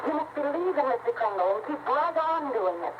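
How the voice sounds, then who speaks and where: A woman's voice: high-pitched, lively intonation, brisk. An actress playing a sensible, tender mother in a 1950s radio drama. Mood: earnest, reassuring. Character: Doris, sensible tender mother, newly believing. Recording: muffled, hissy old radio broadcast tape.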